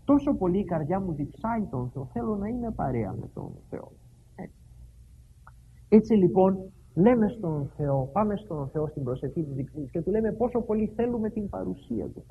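Lively preacher on a tinny line. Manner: emphatic, rises in pitch when quoting scripture; asks questions of the congregation. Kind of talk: sermon with psalm readings. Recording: phone-like thin sound with faint noise.

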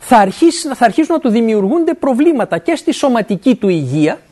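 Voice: mid-range voice, sing-song, warm tone. A middle-aged preacher giving an earnest sermon. The speaker often stops to ask "right?" and works scripture quotes into the talk. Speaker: university academic.

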